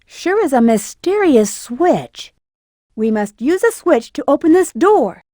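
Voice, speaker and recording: Rouge the Bat, very high-voiced sassy game heroine. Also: female voice, sing-song, unhurried, mellow, dry recording, clean studio sound. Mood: cool, observant. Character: flirty, cool-headed female bat treasure hunter, adult. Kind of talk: video game voice acting, short in-game hints and callouts.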